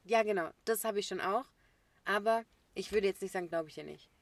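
Animated, slangy young woman. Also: medium pitch, a little fast, no echo. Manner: animated, slangy, laughs often. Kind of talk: casual chat.

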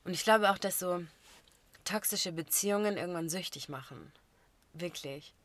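A young woman co-hosting a podcast, telling stories in a lively way with casual slang. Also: lowish voice, moderate pace, dry recording. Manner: animated storytelling with slang. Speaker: podcast co-host.

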